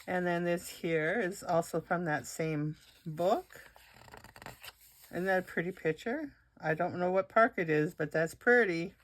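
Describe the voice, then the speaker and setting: A woman's voice: lowish voice, a bit bright. A woman with a cold hosting a casual craft video, chatting and rambling through a show-and-tell with frequent restarts. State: has a cold, coughing and hiccups.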